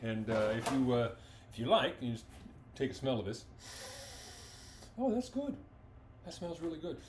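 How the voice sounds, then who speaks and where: A man's voice: medium pitch, animated, brisk, noisy background. A man giving a folksy, enthusiastic cooking demonstration in a home kitchen, talking with his mouth full as he eats.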